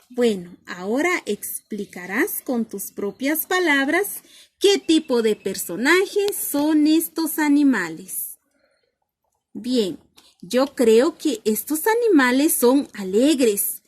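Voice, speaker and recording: A woman reading a picture book aloud to children as a lesson, asking questions and then answering them herself. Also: high voice.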